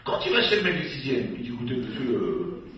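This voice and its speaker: A man's voice: mid-range voice, a little fast. A rabbi giving a humorous talk to a dinner audience, telling stories and acting out the people he quotes. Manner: lively storyteller, acts out quoted people. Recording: echoey hall, distant mic, faint noise.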